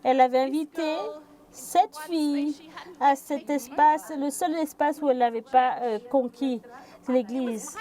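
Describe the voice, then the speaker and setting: A woman giving live interpretation of a speech, speaking haltingly and often correcting herself. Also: sits high, steady tone, warm tone. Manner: halting, with restarts and fillers.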